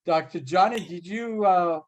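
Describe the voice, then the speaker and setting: High-pitched guy hosting a video chat, rambles on with lots of fillers. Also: a little slow. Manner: rambling, filler-heavy, enthusiastic. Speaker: host of an online round table. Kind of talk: casual video-call chat.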